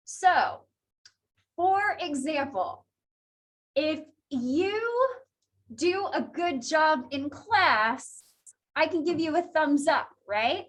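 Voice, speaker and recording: A woman teaching a psychology class in a chatty, conversational lecture style, laughing often. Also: high voice. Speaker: psychology instructor.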